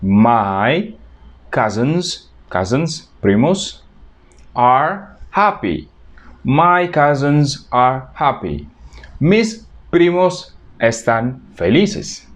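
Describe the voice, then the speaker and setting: Male language teacher, very slow and deliberate, drills each word by repeating it, lively pitch. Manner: slow, repeats each word several times to model pronunciation. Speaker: English teacher. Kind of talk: language lesson for Spanish speakers.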